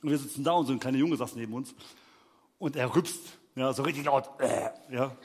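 A young adult man preaching, telling a personal story with lively acted-out scenes and shouted peaks. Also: medium pitch, fast, breathy edge. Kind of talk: animated sermon storytelling.

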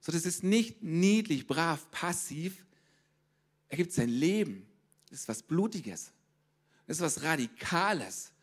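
A man preaching a sermon as pastor, lively and speaking straight to his congregation, often checking in with a quick question. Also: a little high, husky.

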